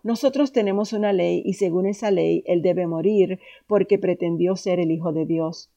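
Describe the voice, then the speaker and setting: A woman's voice: fairly low pitch, normal speed, creaky, warm tone, dull audio. A woman voicing a hostile crowd of men pressing an accusation, in an insistent way. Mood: accusing.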